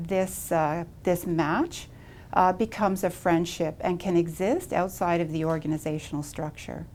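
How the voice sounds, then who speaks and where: A woman's voice: fairly low pitch, a little mellow, slight background noise. A middle-aged woman explaining her organization in an interview, earnest and with fillers, in an office. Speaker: executive director. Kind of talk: interview answers. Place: office indoors.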